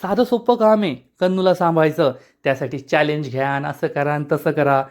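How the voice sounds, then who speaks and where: Peevish, curt young male CEO, played by a high-voiced narrator. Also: brisk, lightly acted. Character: stiff, irritable young male company boss.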